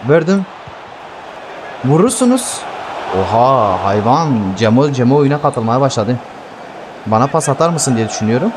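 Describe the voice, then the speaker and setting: A man commentating his own football video game match, excitable and swearing at teammates. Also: medium pitch, a little fast, noisy background. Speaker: gaming YouTuber playing football career mode. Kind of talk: live gameplay commentary.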